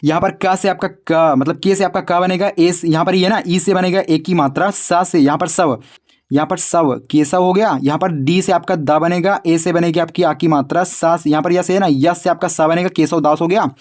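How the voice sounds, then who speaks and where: A man leads a casual spelling lesson. He speaks to his viewers as friends and students and repeats each word slowly while he sounds it out. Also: fairly high pitch, steady tone, darkish tone. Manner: talks to viewers directly as brother and kids, repeats words slowly. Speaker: English tutor on a video channel.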